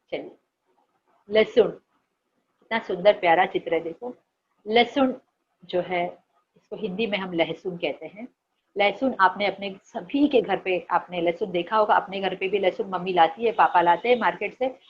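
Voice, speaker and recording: Brief: middle-aged woman teacher, Marathi accent, lowish voice, coaxing and repetitive, slightly dull home recording with faint hiss. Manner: coaxing, repeats words, asks and answers her own questions. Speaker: primary school teacher. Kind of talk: online lesson teaching children vocabulary.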